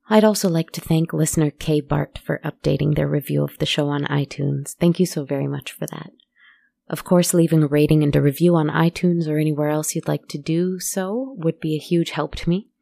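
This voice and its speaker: A woman with a husky, creaky voice, speaking as host of a horror podcast in a measured, intimate scripted address to listeners. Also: deep voice, mellow, no room sound.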